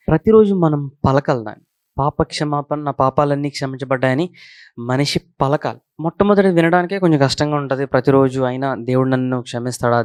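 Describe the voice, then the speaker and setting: Higher-voiced pastor preaching conversationally. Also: male voice, no room sound, studio quality. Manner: keeps checking that listeners follow, repeats key points. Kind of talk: conversational sermon.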